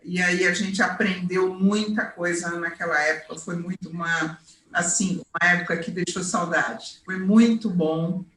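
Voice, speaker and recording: A woman hosting an interview, chatting warmly and reminiscing with her guest. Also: on the low side, steady tone, unhurried. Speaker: interviewer, host. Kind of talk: friendly conversational interview. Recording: echoey call audio.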